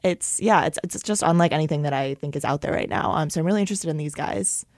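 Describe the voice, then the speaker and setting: A woman co-hosting a casual music podcast, speaking with many ums and frequent laughter. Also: sits low. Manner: laughs often, filler-heavy, slow and thoughtful. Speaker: podcast co-host.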